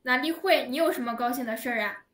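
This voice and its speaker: Woman teacher, high voice, patient and drawn-out, video call, echoey room heard from a distance. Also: fairly bright tone. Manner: slow, patient, drawn-out words for learners. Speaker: Chinese teacher. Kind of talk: online language lesson.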